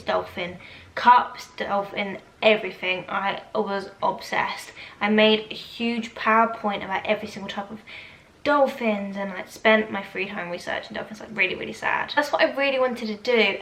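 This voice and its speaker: Casting: British female vlogger, twenties, informal rambling chat, mid-pitched voice, roomy echoing sound. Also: a bit bright. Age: 20s. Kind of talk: casual chatty Q&A to camera. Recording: echoey room, faint background noise.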